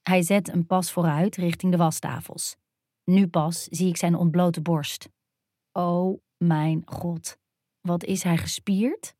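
A woman narrating a first-person erotic story, her voice on the lower side and close. She reads in an intimate, hushed, dreamy manner, with a dry, roomless sound. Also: no echo.

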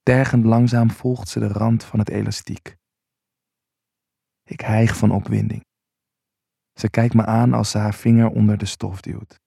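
A man narrating an intimate first-person erotic story in a low, unhurried voice. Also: little pitch movement, creaky, warm tone, husky, no room sound, clean studio sound.

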